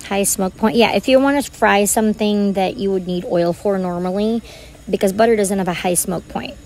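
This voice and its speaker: A woman's voice: mid-range voice, moderate pace, a little mellow, rough recording. A woman vlogging as she shops in a large store, chatting to her viewers in a rambling, casual way. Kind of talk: casual chat while shopping.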